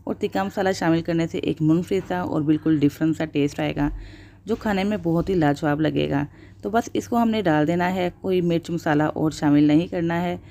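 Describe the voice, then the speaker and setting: A woman, narrating a home cooking tutorial as the channel's host, with steady step-by-step instruction and blessings for her viewers. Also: low voice, fairly quick.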